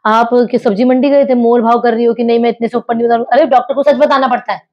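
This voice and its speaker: A woman playing a daughter-in-law, patient and gently teasing. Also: on the high side, fairly even intonation, fast, dull audio. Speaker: daughter-in-law in comedy sketch. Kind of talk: scripted comedy dialogue.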